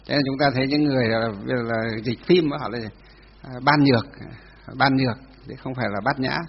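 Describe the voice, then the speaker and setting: A man teaching a class on Buddhist doctrine, dictating slowly, repeating each phrase for note-taking and asking his students questions. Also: medium pitch, fairly even intonation, creaky, slight background noise. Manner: asks students rhetorical questions. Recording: dull lo-fi sound with long hall reverb.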